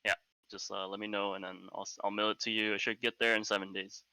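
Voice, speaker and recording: A man's voice: fairly low pitch, little pitch movement, fast, bright, forceful tone, smooth, no room sound, rough recording. A man casting esports, casually interviewing a player over voice chat, crude and joking, laughing often. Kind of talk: casual post-match interview.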